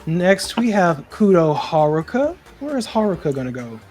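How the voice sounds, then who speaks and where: A man's voice: a little high, big pitch swings, moderate pace, noisy background. A man hosting a casual group chat, upbeat and playful, laughing often as he moves things along. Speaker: host.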